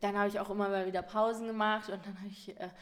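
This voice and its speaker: A young adult woman, a podcast guest, telling a story in casual chat, animated and often laughing as she goes. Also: mid-range voice, quick pace.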